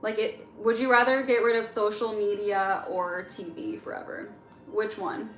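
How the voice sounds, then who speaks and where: A woman's voice: medium pitch, little pitch movement, normal speed. A young woman born in Egypt, casually chatting with viewers on a late-night livestream, answering chat questions with lots of fillers. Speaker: livestream host. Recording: roomy echo with faint music.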